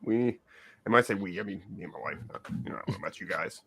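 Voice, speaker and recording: A man's voice: low-pitched, very fast, a little hiss or hum. A man co-hosting a podcast, rambling through casual chat with lots of fillers. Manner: rambling, animated, filler-heavy. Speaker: podcast co-host.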